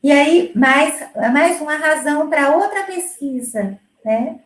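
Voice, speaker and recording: High-voiced woman explaining her music teaching. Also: slow pace, reverberant, low-quality recording. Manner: explanatory, with many fillers and restarts. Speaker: music educator presenting her work. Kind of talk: conversational presentation.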